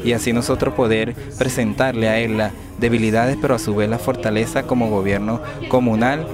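Fast-talking man in a street interview. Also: medium pitch, steady tone, music in the background. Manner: fast, earnest, with restarts. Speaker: community council spokesman. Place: outdoors at a rural community meeting. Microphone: handheld reporter mic.

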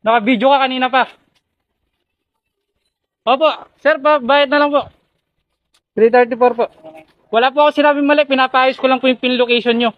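A man's voice: very high-pitched, fairly even intonation, a little fast, long pauses, no echo. A man working as a delivery rider who pleads politely and keeps calling the customer sir. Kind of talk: tense confrontation filmed on phone. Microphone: phone camera. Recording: tinny phone-like sound.

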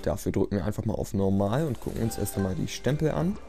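Over game music, a let's play commentator talks in a fairly low, dark-toned voice, fast and expressive. His commentary is casual and self-deprecating, rambling along with a resigned air.

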